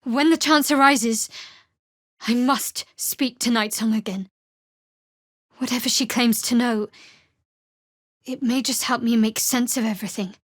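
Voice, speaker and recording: A young female cleric sworn to a dark goddess, voiced by a video game character actor, speaks a little high with a measured, cool, guarded delivery and a steady tone. She comes across as secretive, dry, guarded and pragmatic. The recording is very dry and studio-like, with no room sound.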